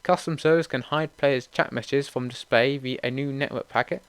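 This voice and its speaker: A young man hosting a gaming channel, reading out update notes in a steady run with casual asides. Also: mid-range voice, normal speed, clear, resonant tone, no room sound.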